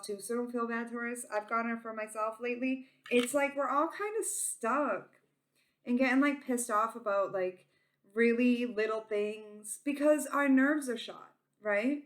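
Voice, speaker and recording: A woman with a Boston accent giving a casual psychic reading to viewers, informal, slangy and affectionate, sounding tired and a little silly. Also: mid-range voice. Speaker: tarot reader and channel host.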